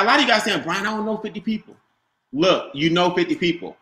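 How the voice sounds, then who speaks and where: Male business trainer, emphatic and repetitive, high bright tone, echoey call audio. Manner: emphatic, repeats key points, quizzes listeners. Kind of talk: coaching on a video call. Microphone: video call.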